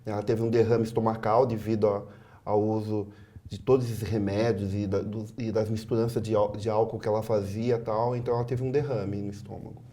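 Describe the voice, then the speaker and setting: A man from Sorocaba, a guest recounting his life in a halting interview, with many fillers and soft trailing endings. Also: fairly low pitch, little pitch movement. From Sorocaba, Brazil. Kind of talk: personal testimony in an interview.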